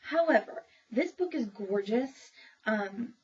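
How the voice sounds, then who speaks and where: Taking her time, a woman with a somewhat high, expressive voice chats about children's books as a public librarian. She's informal, fills her speech with fillers and laughs a lot, and the lo-fi recording sounds dull with faint noise.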